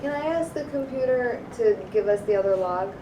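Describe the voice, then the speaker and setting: A woman's voice: fairly high pitch, animated, fairly quick, noisy background. A woman player at a tabletop game, asking the game master what she can do. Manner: asks many questions. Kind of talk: casual chat at a game table. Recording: roomy, far from mic.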